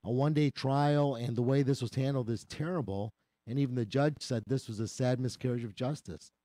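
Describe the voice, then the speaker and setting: A male attorney guest on a radio talk show, slightly hoarse from a cold, explaining a legal case in an earnest way. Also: mid-range voice, a little fast, mellow, no room sound.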